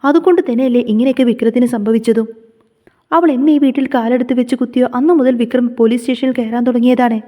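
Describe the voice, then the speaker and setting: A woman's voice: fairly high pitch, fairly even intonation, quick pace, long reverb tail, highs cut off, natural voice. A woman reading the lines of a spiteful woman of the household who blames the young wife. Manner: scornful, accusing.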